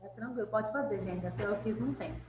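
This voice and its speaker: Uma mulher co-apresentadora de um grupo terapêutico, incentivando o público e chamando todos de "gente". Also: female voice, medium pitch, fast talker, darkish tone. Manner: addresses the audience often as "gente", encouraging. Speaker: co-host of a therapy group. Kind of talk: live group session chat. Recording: lo-fi, roomy, faint hum.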